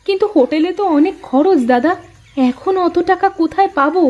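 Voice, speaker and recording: A woman's voice: very high voice, a little fast, highs cut off. A woman voicing a poor young village wife who pleads and weeps in a cartoon story. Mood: worried. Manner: tearful, pleading. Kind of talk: animated cartoon voice acting.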